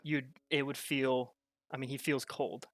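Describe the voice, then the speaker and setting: A game master slowly narrating a tabletop role-playing scene, pausing and restarting as he searches for words. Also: medium pitch, level tone, dry recording. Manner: halting, searching narration with many fillers.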